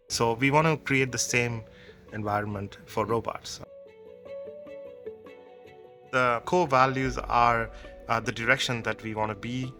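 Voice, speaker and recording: A Sri Lankan man answers interview questions as a company co-founder, thoughtful and conversational, explaining things through examples. His voice is fairly low, gravelly, and sharp in tone.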